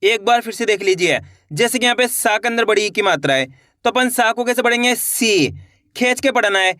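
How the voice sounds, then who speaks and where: A young man teaching beginners to read, stretching out each syllable slowly and often checking whether his students follow. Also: high-pitched, pushed and bright, dry recording, clean studio sound. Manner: slow, drawn-out syllable-by-syllable reading, with frequent check questions. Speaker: Hindi reading teacher. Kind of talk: video lesson for beginners.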